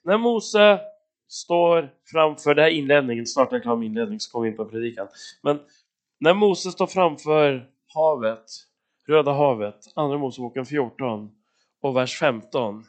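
A male pastor preaching an animated sermon, acting out dialogues with sudden loud bursts and frequent hallelujahs. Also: medium pitch. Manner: exclaims hallelujah often. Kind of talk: lively sermon.

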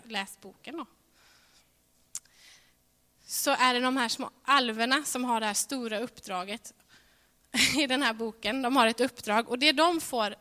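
Earnest woman preaching in a reverberant hall. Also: on the high side. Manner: earnest, swings between ringing emphasis and hushed softness. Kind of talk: sermon.

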